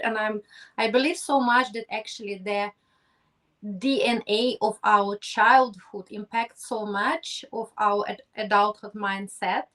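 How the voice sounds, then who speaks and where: Recorded far from the microphone, a Ukrainian woman talks as a guest in a conversational interview, effusive and grateful, with phrasing. She has a medium-pitched, fairly bright voice.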